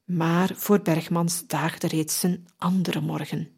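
Slow breathy woman reading aloud. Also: fairly low pitch, little pitch movement, darkish tone. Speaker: narrator. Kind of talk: reading a religious biography aloud.

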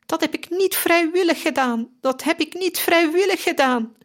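A woman's voice: very high voice, normal speed, voice pushed up. A woman crying out as a tormented dying young friar. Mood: anguished.

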